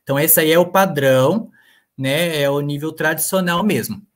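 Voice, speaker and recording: Halting male professor lecturing online. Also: on the high side. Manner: hesitant, full of fillers and restarts. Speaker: literature professor.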